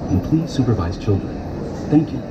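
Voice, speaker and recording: A man giving polite, measured safety instructions as a ride announcer, heard over an outdoor loudspeaker. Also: medium pitch, lively intonation, roomy sound. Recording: distant muffled loudspeaker over ride noise.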